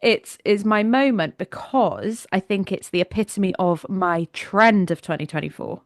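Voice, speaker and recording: A woman's voice: medium pitch, a little slow, dry recording, studio quality. A woman co-hosting a podcast, chatting in an upbeat, enthusiastic way and often trailing off. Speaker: podcast co-host. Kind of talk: casual chat.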